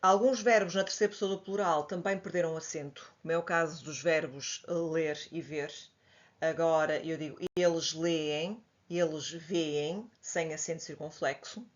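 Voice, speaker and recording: A woman with a European Portuguese accent, teaching a grammar lesson and patiently explaining, spelling examples out slowly. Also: low voice, steady tone. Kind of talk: slide-based grammar lesson. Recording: dull lo-fi audio.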